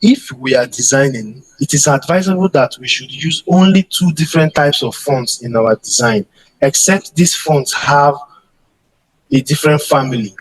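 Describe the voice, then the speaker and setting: A man's voice: mid-range voice, moderate pace, low-quality recording. A man teaching a design class, often repeating and restarting his words and speaking straight to his students. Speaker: design instructor. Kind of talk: classroom lecture on slides. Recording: voice over strong background music.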